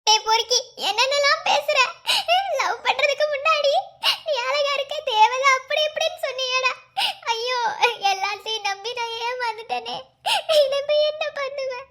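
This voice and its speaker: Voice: very high-pitched, moderate pace, bright, forceful tone. A performer voicing a betrayed young pregnant woman in a cartoon love story, pleading and wailing through tears.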